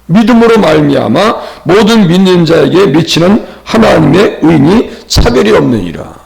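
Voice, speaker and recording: A middle-aged pastor from Chungcheong preaches in a lively voice that climbs and falls widely. His slight Chungcheong accent colors a chatty sermon full of questions to the congregation, with a gravelly edge to his somewhat high voice. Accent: Chungcheong Korean. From Chungcheong, Korea. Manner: conversational preaching with rhetorical questions.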